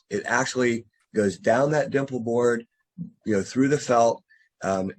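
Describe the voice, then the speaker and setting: A drainage contractor whose voice is giving out walks a homeowner through materials over a video call, going step by step. His voice is mid-range with a breathy edge, and his instructive delivery is full of restarts and fillers, like a remote consultation.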